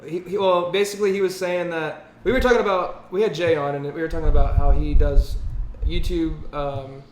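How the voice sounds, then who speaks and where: A man's voice: a little high, steady tone, fairly quick. A young man in his twenties co-hosting a podcast in casual chat, teasing and swearing between laughs. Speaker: podcast co-host. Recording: echoey room with faint noise.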